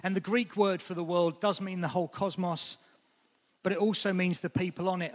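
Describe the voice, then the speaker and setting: A man in his thirties preaching a sermon in a church, chatty and lively with friendly asides. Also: high-pitched. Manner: lively, conversational, with asides and light laughs. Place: church hall. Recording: long echo of a church hall.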